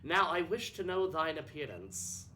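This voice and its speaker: A man reading the lines of an ancient creator deity slowly and gravely, in archaic speech. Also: a little high, sing-song, bright, forceful tone, a little hiss or hum, pitched above the performer's own voice, heavily acted. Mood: solemn. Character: ancient all-powerful creator deity, solemn.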